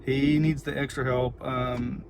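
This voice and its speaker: Middle-aged Texan male vlogger, mid-pitched, informal and rambling, recorded in a car with clear ambient noise. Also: little pitch movement, measured pace. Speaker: vlogger and parent. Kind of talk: casual chatty livestream, answering viewers. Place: inside a car.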